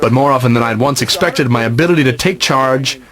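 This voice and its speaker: A man giving scripted promotional narration about his own career, in measured, polished announcer phrasing. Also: mid-range voice. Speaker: ringmaster presenting own career reel. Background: loud music.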